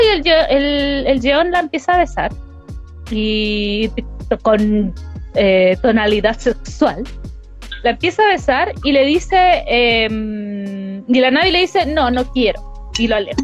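A young Chilean woman with a high voice, talking casually and animatedly in heavy slang. She acts out snippets of dialogue as she retells a plot. Faint music plays under her voice. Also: sing-song, slow pace. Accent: Chilean Spanish. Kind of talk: casual chat recapping a story.

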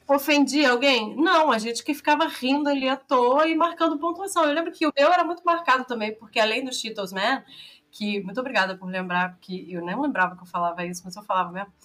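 Brazilian woman, podcast guest, fairly high voice, animated casual storytelling, laughs often. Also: brisk. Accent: Brazilian Portuguese.

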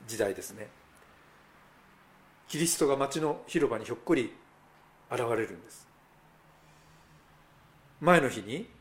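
A man preaches a sermon in an easy, conversational way. His voice sits at a middle pitch, and he turns often to the listeners with rhetorical asides. He lifts his voice when he quotes others. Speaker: pastor.

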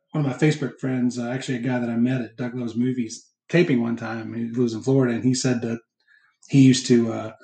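A man's voice: medium pitch, darkish tone. A man hosting a casual film chat in a hesitant, rambling way. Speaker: podcast host. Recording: echoey, roomy sound.

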